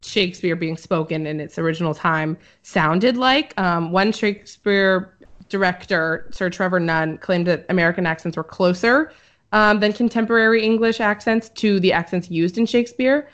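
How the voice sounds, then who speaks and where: A woman's voice: fairly low pitch, normal speed, fairly bright tone. A woman co-hosting a podcast in casual chat, explaining at length with many "um"s. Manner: chatty, filler-heavy, explaining. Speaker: podcast co-host. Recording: dull lo-fi audio.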